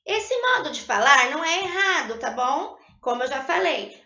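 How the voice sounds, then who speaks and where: A woman teacher giving a recorded spelling lesson, patiently checking in with her students and slowly sounding out syllables. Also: extremely high pitch, gravelly, sharp tone. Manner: patient, tags sentences with "tá?". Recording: lo-fi echoey room.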